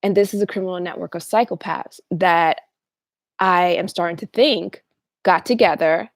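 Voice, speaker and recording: A woman with a gravelly, fry-laden voice talks in a rambling, casual monologue and often restarts her sentences. The recording is dry and close, with no room sound. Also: fairly low pitch, normal speed, no echo. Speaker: channel host.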